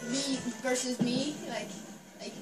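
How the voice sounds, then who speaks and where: High-pitched excitable gamer, off-mic. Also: female voice, takes it slowly, recorded from a distance. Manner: excitable, bursts into loud cries. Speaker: gamer playing a bowling video game. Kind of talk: casual let's-play chat. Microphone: phone filming a TV screen. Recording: echoey room, off-mic, loud game music.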